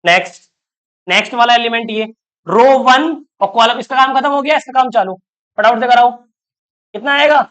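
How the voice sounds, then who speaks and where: In an online math lecture with the highs cut off, a man speaks at a moderate pace in a very high, fairly bright voice. He talks through steps while counting terms, frequently checking that students follow and coaxing questions.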